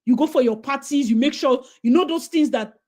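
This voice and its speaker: The host, a Nigerian woman, talks in a high-pitched, fairly quick voice with a Nigerian accent. In this casual chat she tells stories energetically and drifts into pidgin along the way.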